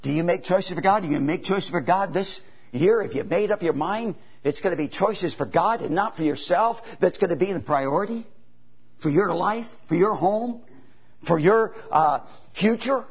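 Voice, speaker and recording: This man in his seventies, a traveling preacher, delivers a sermon in a high, expressive, slightly rough voice. His homespun style circles back on itself, sprinkled with "amen" and "you know," swelling into emphatic outbursts between long pauses.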